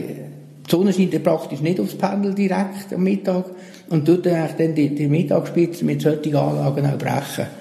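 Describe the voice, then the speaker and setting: A man with a Swiss German accent, a solar cooperative manager calmly explaining technical details in an interview. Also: fairly high pitch, creaky. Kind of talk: interview answers. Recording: roomy, reverberant room sound.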